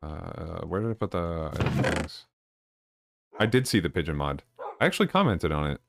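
A man streaming a game live, chatting casually with viewers in a low-key, deadpan way. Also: moderate pace, vocal fry. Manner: low-key and deadpan, even when excited. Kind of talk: casual live-stream chat while gaming. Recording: noisy with clicking in the background.

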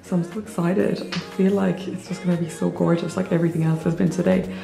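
A woman's voice: fairly low pitch, level tone, fast talker, gravelly, dark tone, soft background music, poor audio. A woman narrating a travel vlog in a chatty, gushing way, full of "like" fillers. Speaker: travel vlogger. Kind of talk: casual vlog narration to camera.

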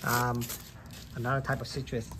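Against a noisy background, a man with a mid-range, flat-sounding voice talks at a moderate pace while hand-pollinating plants in his basement grow room. As a gardening vlogger, he records his hands on a handheld phone and speaks loosely, peppering his talk with "like" and "um."

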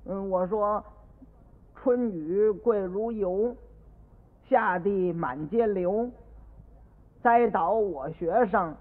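A man voicing a cheeky, clever young schoolboy who answers softly and slowly, as if innocent, heard on an old radio recording with long reverb. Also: high-pitched, phone-quality sound. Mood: sly innocent. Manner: soft, slow, innocent-sounding replies. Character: cheeky clever schoolboy poet, sly and mild.

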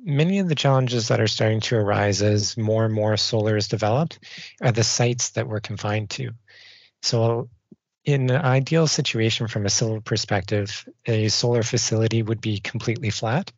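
A man, a civil designer, giving measured technical answers in a podcast interview. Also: on the low side, no echo. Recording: dull dry studio sound.

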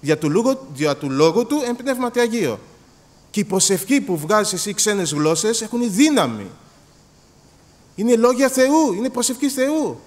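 A Greek man preaching a sermon in a church hall, animated and acting out little dialogues, repeating words as he goes. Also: high voice. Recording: long hall reverb.

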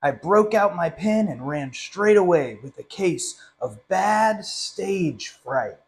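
Seated in a small classroom a little way from the camera, a young man, the director of a literacy council, reads a picture book to young listeners with friendly, animated storytime flair. He speaks slowly in a fairly high voice, with a bit of hiss or hum in the audio.

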